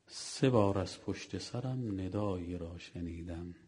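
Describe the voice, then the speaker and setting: Man recounting as a repentant warrior, low mellow voice, earnest confession. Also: slightly rough. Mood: earnest, pleading. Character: repentant male warrior confessing to his master.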